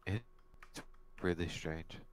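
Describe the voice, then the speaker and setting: Man, very low voice, casual gamer chat, choppy cutting-out call audio, halting delivery. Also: steady tone. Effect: choppy call audio, words cut off. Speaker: co-streamer on a voice call.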